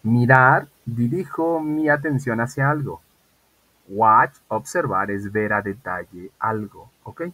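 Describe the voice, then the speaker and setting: A man teaching an English class online, patiently repeating model sentences slowly and often checking in with "¿ok?". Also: mid-range voice, bright, forceful tone, poor audio.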